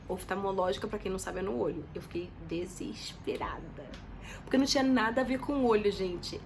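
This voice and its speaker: A woman's voice: on the high side, a little hiss or hum. A young woman, telling a story to her viewers in a chatty, dramatic way. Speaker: vlogger. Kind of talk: casual storytelling to camera.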